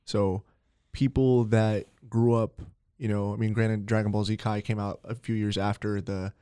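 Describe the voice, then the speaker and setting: A man co-hosting a comics podcast in casual chat, talking in a halting way with many ums. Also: lowish voice, level tone, dark tone, clear, resonant tone, no room sound, clean studio sound. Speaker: podcast co-host.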